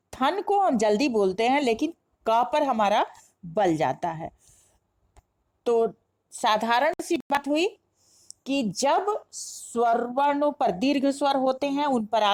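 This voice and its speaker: A woman's voice: a little high, a little mellow. A woman teaching a grammar lesson, explaining step by step and asking herself questions before answering them. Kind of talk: classroom-style lesson explanation.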